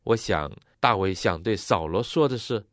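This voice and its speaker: Male interpreter, deep and animated, expressive, close dry mic. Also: moderate pace, no room sound. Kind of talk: consecutive sermon interpretation.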